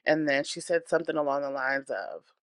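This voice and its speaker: A woman with a low, animated voice hosts a celebrity gossip channel, talking briskly in a blunt, opinionated, chatty manner on a dry recording. She's congested from a cold and breathing hard as she delivers casual gossip commentary.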